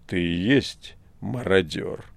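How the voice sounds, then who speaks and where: Мужчина озвучивает надменного древнего князя тьмы — медленно, презрительно и размеренно, в аудиокниге. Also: male voice, low voice, gravelly, no room sound, full character voice. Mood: measured. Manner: slow, scornful, measured. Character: haughty ancient male prince of darkness. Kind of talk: audiobook reading.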